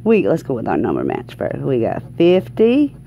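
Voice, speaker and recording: A woman's voice: rumbling low, huge pitch swings, moderate pace, vocal fry, dull audio, slight background noise. A woman with a Southern US accent chatting casually and exuberantly as a video host, folksy and often repeating phrases for emphasis. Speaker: lottery scratch-off video host. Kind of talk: casual excited vlog chat. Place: indoors at a tabletop, hands-only shot.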